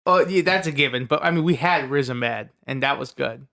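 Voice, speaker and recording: A man co-hosting a podcast in casual chat, an animated joker who teases the others. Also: mid-range voice, a little fast, gravelly. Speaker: podcast co-host.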